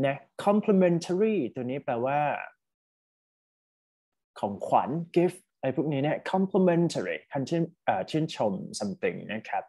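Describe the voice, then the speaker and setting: His voice sits on the high side and sounds mellow as this Thai-accented man runs an online English test-prep lesson, blending English terms into Thai explanations and pushing students to type in responses.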